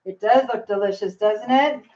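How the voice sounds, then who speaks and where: A woman's voice: medium pitch, normal speed, darkish tone, lo-fi sound. A grandmother hosting a cooking livestream from her home kitchen, chatting casually and speaking straight to her viewers.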